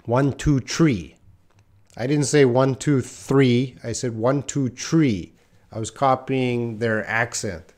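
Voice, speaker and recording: This English teacher is a thirtysomething man from Western Canada with a slight Canadian accent and a mid-range, somewhat mellow voice. Standing by a whiteboard in a small room, he fields viewer questions during a live lesson, explaining slowly and patiently with plenty of pauses.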